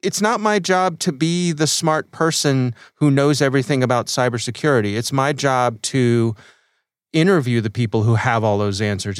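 The recording is clean studio sound with no echo, carrying the mid-range voice of a middle-aged man with an American accent. As a podcast host, he tells his own story reflectively, keeping it conversational and thoughtful.

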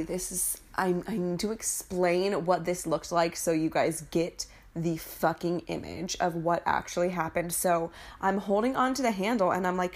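A young woman telling a childhood story in casual chat, animated and profane, laughing often and squealing when she acts out her younger self. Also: on the low side.

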